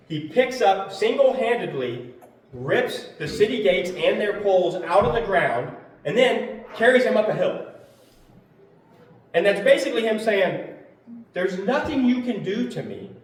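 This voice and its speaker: A man's voice: high voice, lively intonation, moderate pace. Man teaching from far in an echoey room. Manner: conversational, emphatic retelling with fillers. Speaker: Bible teacher. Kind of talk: casual Bible study teaching.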